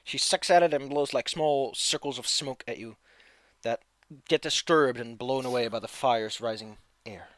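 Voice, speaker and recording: Male game master, medium pitch, tabletop narration, dry recording. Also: normal speed, no room sound.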